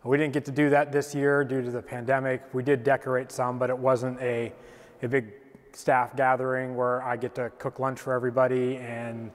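A middle-aged man, a chief executive, giving a steady holiday greeting in a large indoor hall on a lapel mic. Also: mid-range voice. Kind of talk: casual holiday greeting to camera. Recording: reverberant hall.

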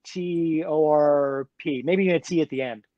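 Male author, conversational, halting delivery; higher pitch, dry muffled sound. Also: no room sound. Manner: chatty, halting with many restarts and laughs. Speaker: graphic novel author. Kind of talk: casual conversation.

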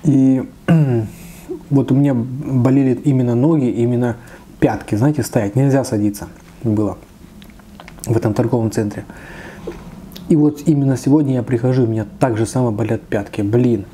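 Sitting at a table in a small room, a thirtysomething mukbang host eats and talks casually, often with his mouth full. He speaks at a moderate pace in a warm, medium-pitched voice, leaving long pauses. A little hiss or hum can be heard.

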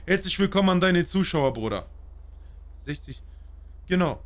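A man's voice: sits high, lively intonation, normal speed, a little hiss or hum. A man streaming a role-play live, talking in character in a brash, boastful, slangy way.

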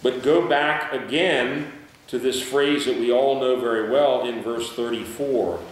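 Slow-preaching man in an echoey church. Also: mid-range voice. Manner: reads scripture slowly and asks the congregation to call out words. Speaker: pastor. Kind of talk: sermon. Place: church sanctuary. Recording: very echoey church hall, mic far off.

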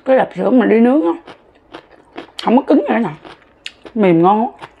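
Gravelly-voiced woman talking with her mouth full. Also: fairly high pitch, lively intonation, moderate pace, phone-quality sound, a little hiss or hum. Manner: chatty, addresses viewers directly. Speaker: mukbang vlogger. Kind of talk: casual eating vlog.

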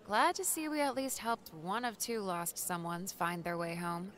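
A man voicing an eager, caring young woman companion in an audiobook, in a high, airy and earnest manner. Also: normal speed, fairly bright tone. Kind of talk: audiobook character voice.

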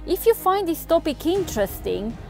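A woman's voice: very high-pitched, big pitch swings, moderate pace, creaky, faint music behind. A woman host giving a polite, scripted closing to a sailing video. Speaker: channel host. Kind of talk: scripted outro.

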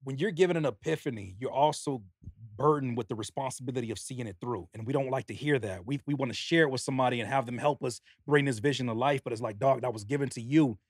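A rapper and producer guesting on a podcast earnestly and animatedly explains his album pre-order bundle in casual chat. His medium-pitched voice is fast with a breathy edge, captured in a dry, clean studio recording.

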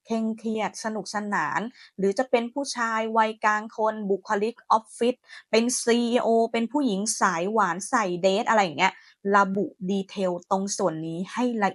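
A woman hosting a software tutorial, chatty and friendly, talking her viewers through each step. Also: mid-range voice, moderate pace, no echo, clean studio sound. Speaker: AI tutorial host. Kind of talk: screen-recorded software tutorial.

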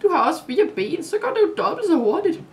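A woman's voice: extremely high pitch, sing-song, a little hiss or hum, pitched above the performer's own voice, heavily acted. Woman reads a curious little girl in a snowy cave, eager and full of questions, storybook read-aloud, mic a bit distant. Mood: breathless.

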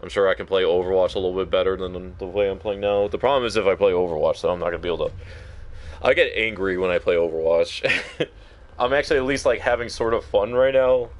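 A man's voice: low-pitched, quick pace. A man streaming a game live, chatting to a viewer in a nervous, profane, casual way. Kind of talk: casual live gameplay commentary.

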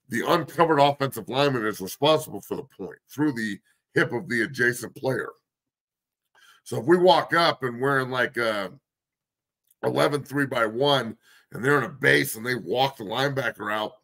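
A man's voice: mid-range voice, bright, forceful tone. A man hosting a sports talk show, breaking down football schemes in a blunt, profane, coach-like way while losing his voice.

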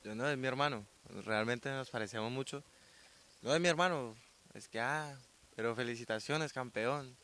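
A sixteen-year-old young man from Colombia, a weightlifter answering interview questions outdoors into a handheld mic, soft-spoken and modest. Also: medium pitch, moderate pace. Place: outdoors by a sports ground. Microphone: handheld reporter mic.

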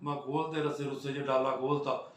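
A man from Punjab in India telling a road story in a casual, animated vlog, acting out what others said and swinging between loud and hushed. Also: mid-range voice, fairly quick, slight background noise. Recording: roomy sound from a distance.

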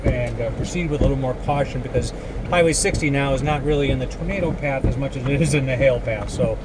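A middle-aged man giving halting, matter-of-fact storm-chasing commentary as he drives, recorded on an in-car camera. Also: mid-range voice. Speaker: storm chaser. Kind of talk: vlog narration while driving. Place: inside a moving car on the road. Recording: loud car, road and rain noise.

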